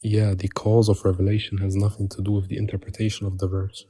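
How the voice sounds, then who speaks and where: A debate participant talks through a voice changer during a live religious debate, his muffled voice low-ish, mellow, and husky. Delivery is monotone and quick as he tersely, insistently keeps urging everyone to move on. There's no echo.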